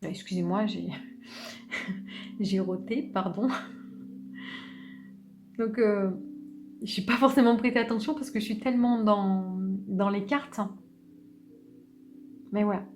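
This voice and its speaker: A woman giving an unscripted tarot reading, speaking gently and hesitantly, with many restarts. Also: medium pitch, normal speed, long pauses, a little hiss or hum. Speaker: tarot reader.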